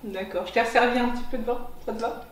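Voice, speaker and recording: A woman's voice: on the high side, steady tone, rapid-fire, slight background noise. A woman from France, chatting casually as a blind taster. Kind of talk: casual chat. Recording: roomy echo, distant mic.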